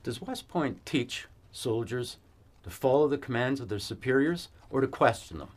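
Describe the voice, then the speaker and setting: An actor playing a weary cavalry fort commander in a western film, giving measured, authoritative orders. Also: male voice, medium pitch, animated, close to an everyday voice. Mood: stern. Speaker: army post commander.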